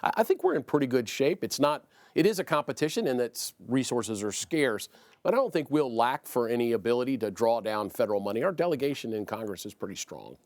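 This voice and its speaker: A man's voice: mid-range voice, very animated, quick pace, darkish tone, no room sound. Confident man political analyst. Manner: confident, explanatory. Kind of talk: studio panel discussion.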